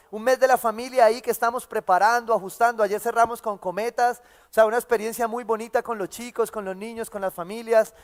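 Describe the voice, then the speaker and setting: A man with a Colombian accent preaching a sermon as pastor, who asks "¿sí?" after nearly every phrase and slows down to stress key words. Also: very high-pitched. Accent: Colombian Spanish. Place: church hall. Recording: church hall reverb.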